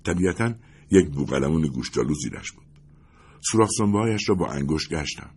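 A very deep, husky male voice reads a first-person story in a measured, suspenseful way. His pitch moves a lot, rising and falling with the tension of each sentence. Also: animated, darkish tone. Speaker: audiobook narrator.

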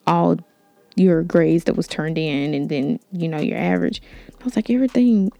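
A young woman hosting a podcast, telling a personal story in a candid, animated way, with slang. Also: low voice, normal speed, gravelly, no echo, soft background music. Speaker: podcast host. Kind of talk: story time.

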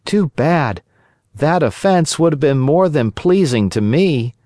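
A man's voice: on the high side, lively intonation, takes it slowly, mellow, no room sound, studio quality, pitched above the performer's own voice. A man voicing a naive, stubborn wooden puppet boy. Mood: curious. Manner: insistent, childish.

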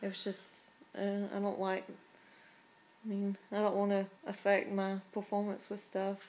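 A woman's voice: mid-range voice, completely flat delivery, moderate pace, darkish tone. A woman with a Southern US accent, chatting casually as a guest in an informal, down-to-earth way. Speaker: podcast guest, obstacle racer. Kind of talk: casual chat.

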